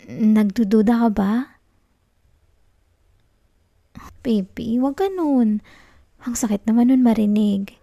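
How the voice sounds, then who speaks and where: In an intimate ASMR roleplay, a young woman with a Filipino accent plays a clingy, tender, anxious student girlfriend, speaking softly, coaxingly and haltingly in a pleading, devoted mood. Her voice is on the high side and gravelly, recorded with clean studio sound and no room echo.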